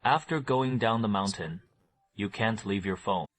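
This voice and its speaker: A man voicing a proud, fussy, doting Taoist master in an anime dub, giving animated, nagging instructions. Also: lowish voice, measured pace.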